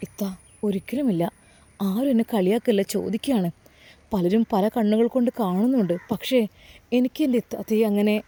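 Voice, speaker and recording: A woman's voice: mid-range voice, normal speed, dark tone, natural voice. A woman voicing a kind, earnest young man who protects his brother's widow, with a Malabar Malayalam accent. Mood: earnest, firm. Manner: earnest, firm and reassuring.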